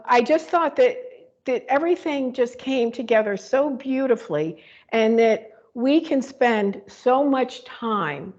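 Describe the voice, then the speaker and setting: A woman's voice: on the high side, darkish tone, lo-fi sound. A woman co-hosting a spiritual talk show, reflecting aloud in a rambling way with many fillers and restarts. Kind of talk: casual spiritual conversation.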